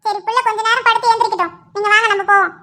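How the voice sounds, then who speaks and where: Woman putting on a sharp-tongued old granny. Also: very high voice, fairly even intonation, rapid-fire. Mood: teasing. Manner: teasing, sharp-tongued scolding. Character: blunt scolding old village grandmother. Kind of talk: cartoon voice acting.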